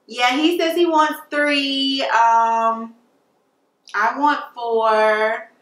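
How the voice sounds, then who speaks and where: A chatty, upbeat woman in her late twenties talks through a casual question-and-answer vlog, her voice bright and a little high. She sits back from the mic in a roomy, echoing space. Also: fairly even intonation, drawn-out words. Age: late 20s. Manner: chatty, upbeat, lots of fillers. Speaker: beauty vlogger. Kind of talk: casual Q&A chat. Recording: echoey room, mic at a distance.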